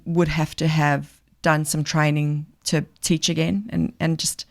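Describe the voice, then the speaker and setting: A woman's voice: deep voice, little pitch movement, unhurried, creaky. Guest: middle-aged woman, faint South African accent, earnest and emphatic. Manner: earnest, emphatic, thinks aloud with fillers. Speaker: guest, charity leader. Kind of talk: podcast interview.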